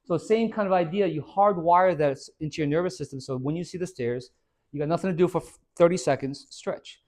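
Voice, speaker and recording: A man who is a fitness trainer, giving an informal, energetic talk to a small audience. He quizzes the listeners and tags many points with "right?". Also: a little high, brisk. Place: hair and skin salon, indoors.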